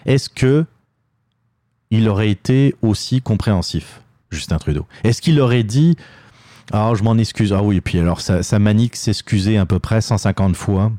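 A man's voice: lowish voice, normal speed, mellow, dry recording. A man with a Québécois French accent hosting a political commentary show, talking in a hesitant monologue full of fillers and restarts. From Quebec. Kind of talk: opinion monologue.

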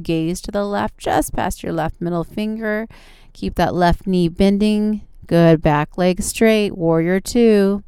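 Very clear, low-pitched woman leading yoga. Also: darkish tone, no room sound. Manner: encouraging, short step-by-step cues. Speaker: yoga instructor and show host. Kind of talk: guided yoga class instruction.

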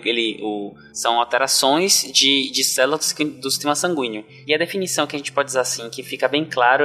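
A male podcast panelist with a Bahian Brazilian accent. He explains things in a conversational way, at a very quick pace. His voice is bright and forward, with music behind it. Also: mid-range voice. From Salvador, Bahia, Brazil.

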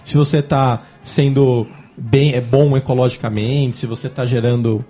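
A man's voice: mid-range voice, fairly even intonation, measured pace, dark tone. A man with a Brazilian Portuguese accent in a casual podcast discussion, explaining in slangy, emphatic style and acting out dialogue.

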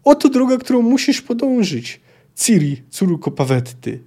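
A man's voice: very animated, moderate pace, warm tone, husky, heavily acted. A man reading aloud and voicing a young female sorceress, calling out with emphatic commands. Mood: urgent. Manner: raised pitch, emphatic calling out.

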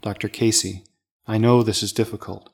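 A woman voicing a calm, caring male doctor who speaks in a gentle, soothing way. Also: extremely low pitch, normal speed, gravelly, husky, pitched below the performer's own voice, heavily acted.

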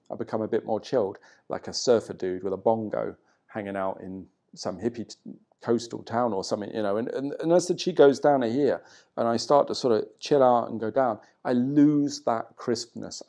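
A man's voice: mid-range voice, normal speed, creaky, darkish tone. A man giving a casual, conversational qigong lesson from a hotel room, talking loosely with plenty of "you know". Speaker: qigong teacher. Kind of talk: casual spoken teaching.

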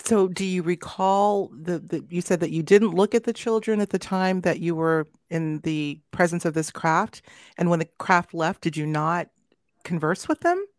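A podcast host, this woman runs an interview show, chatting casually and warmly while inviting her guest to share her story and calling the audience "y'all." Her lowish voice moves at normal speed in a dry, clean studio recording.

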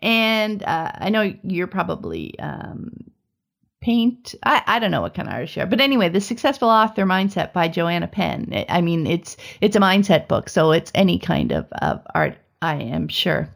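A woman's voice: lowish voice, sing-song, normal speed, gravelly. A woman co-hosting a podcast, talking casually in a rambling way and restarting her sentences often. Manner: rambling, with many "you know" fillers and restarts. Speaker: podcast co-host.

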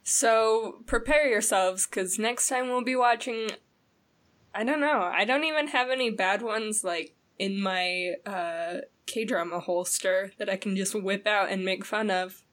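A woman co-hosting a podcast in casual chat, rambling and animated with lots of fillers. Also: medium pitch, a little slow. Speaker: podcast co-host.

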